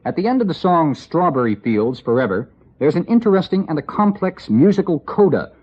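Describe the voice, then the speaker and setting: Husky-voiced man on an old radio report. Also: a little high, big pitch swings, fairly quick, a little mellow. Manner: wry, dry asides. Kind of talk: scripted radio report narration. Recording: lo-fi 1960s radio broadcast.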